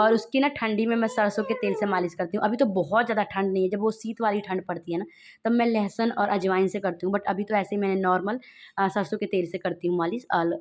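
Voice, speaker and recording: Talking straight to her audience in a home vlog, this young woman, who is a mother, rambles in a casual, chatty way from inside her house. She has a mid-range voice with a darkish tone.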